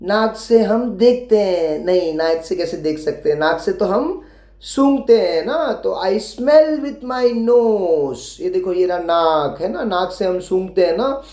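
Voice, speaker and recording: A woman's voice: lowish voice, animated, unhurried, a little mellow, echoey room. A woman teacher explaining an English lesson for young children in Hindi, spelling words letter by letter and asking them questions.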